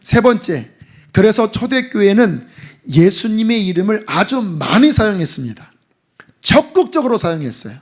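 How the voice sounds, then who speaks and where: A middle-aged man preaching a sermon as pastor, lively and emphatic, at times dropping to a hushed voice. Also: high voice, normal speed. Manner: animated preaching, drops to hushed voice for acted asides.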